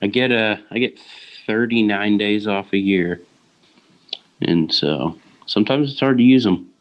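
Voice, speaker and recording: A man co-hosts a casual podcast conversation in a somewhat low voice. He talks hesitantly, full of fillers and pauses. His humor stays dry. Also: highs cut off. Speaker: podcast co-host. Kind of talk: casual chat.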